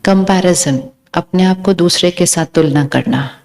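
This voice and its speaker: A woman's voice: on the low side, measured pace, darkish tone. A woman giving a spiritual talk to a live audience, asking them questions and calling out words one by one. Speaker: spiritual speaker.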